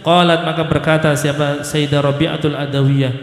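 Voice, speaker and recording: A man giving a Ramadan study sermon. He reads Arabic phrase by phrase, chants some of it, then explains it slowly. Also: on the high side, little pitch movement. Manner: sometimes chants the Arabic in a sing-song tone. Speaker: ustadz teaching a classical text. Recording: echoey hall with long reverb.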